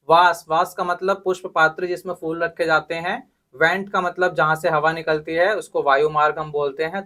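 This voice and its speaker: High-voiced man teaching letter sounds. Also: sharp tone. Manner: patient, asks and answers his own questions. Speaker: English teacher. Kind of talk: phonics lesson explaining letter sounds.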